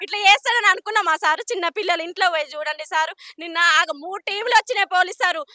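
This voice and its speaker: A woman's voice: extremely high pitch, very fast, bright, forceful tone, no room sound, clean studio sound. A woman, a resident giving a defiant, distressed complaint in a street interview. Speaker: local resident protesting.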